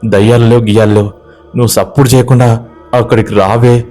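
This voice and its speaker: A man's voice: mid-range voice, steady tone, faint music behind, lightly acted. A man voicing a desperate, hot-headed young village man in a spoken ghost story. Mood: persuading. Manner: pleading, demanding, quick to shout.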